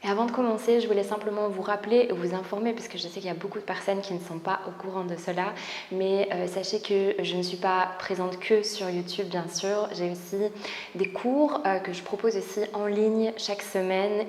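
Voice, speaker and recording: A woman with a French accent guiding a yoga class, giving soft, calm breathing cues that often drop to a whisper. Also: mid-range voice, fairly quick. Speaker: yoga teacher and spiritual coach. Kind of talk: guided yoga class instruction. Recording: roomy echo with long reverb, faint background noise.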